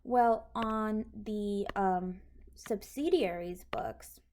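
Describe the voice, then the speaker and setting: A woman with a mid-range, darkish voice explains accounting extremely slowly, going step by step over handwritten notes in a casual tutorial. The recording is clearly noisy and has clicks.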